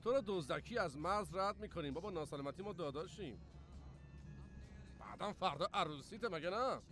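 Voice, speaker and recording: A goofy, teasing brother high-pitched and very lively, bouncing all over his range. The dubbed film audio has faint music beneath it. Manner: playful and joking, bouncy delivery.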